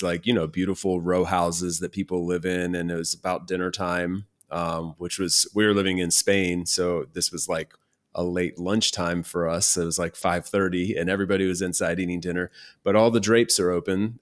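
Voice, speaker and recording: Low-voiced male host, relaxed and curious in conversation. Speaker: podcast host. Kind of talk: casual interview chat.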